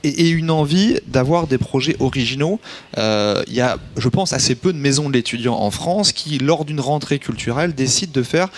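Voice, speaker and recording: A man hosting a live studio talk show, explaining things in a lively way. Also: medium pitch, moderate pace. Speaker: host. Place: small studio set.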